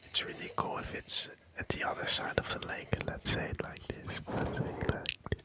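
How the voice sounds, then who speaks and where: In a gentle, breathy whisper, this ASMR video creator meanders through soft rambling, pausing hesitantly and repeating phrases.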